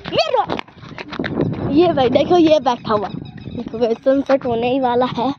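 Walking around her home village with a phone in hand, a chatty woman vlogs casually and keeps urging viewers to look at things. She speaks at a high pitch and moderate pace, with the highs cut off and a noisy background.

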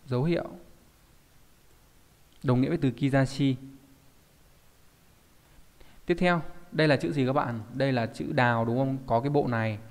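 Man, kanji teacher, explanatory, rhetorical check questions, mid pitch, long reverb tail. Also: steady tone, a little fast. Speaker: Japanese teacher. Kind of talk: recorded online kanji lesson.

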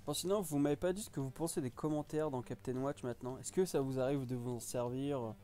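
Guy chatting on a live stream, reacting to the chat, a bit of music low behind him. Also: fairly even intonation, brisk, dark tone. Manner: chatty, reacts to viewers' comments.

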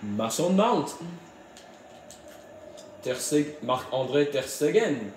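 A man joking and chatting excitedly while he plays a football video game. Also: medium pitch, slow, a little hiss or hum. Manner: jokey, excitable, rambling asides. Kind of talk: casual gameplay commentary. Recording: echoey room.

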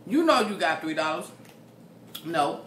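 American lady doing a mukbang, talking while chewing, bright voice, echoey room w a bit of noise. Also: fairly low pitch, sing-song, unhurried. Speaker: mukbang host. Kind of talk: casual mukbang chat. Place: indoor room at a table. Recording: roomy echo, faint background noise.

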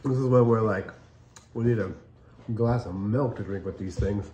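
Chatty dad tasting cookies. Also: male voice, on the low side, moderate pace, dark tone. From United States. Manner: chatty, upbeat, chewing and tasting between lines. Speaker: dad co-hosting a cookie review. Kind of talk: casual chat. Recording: echoey room, dull lo-fi sound.

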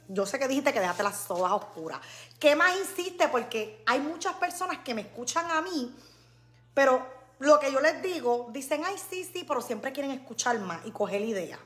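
A woman hosting a casual live stream, chatting lively with her viewers and calling them nena. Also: sits high, moderate pace.

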